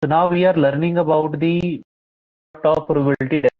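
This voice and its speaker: A man's voice: on the high side, fairly even intonation, normal speed. A man, teaching a live online class in a patient, explanatory way, with frequent fillers. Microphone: laptop or headset mic on a video call. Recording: muffled, lo-fi online call audio.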